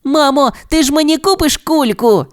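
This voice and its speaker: A narrator voicing an excitable little male corgi puppy in a storybook, asking eager, high questions. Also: normal speed, dry recording, clean studio sound, natural voice. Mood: excited. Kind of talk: storybook character voice.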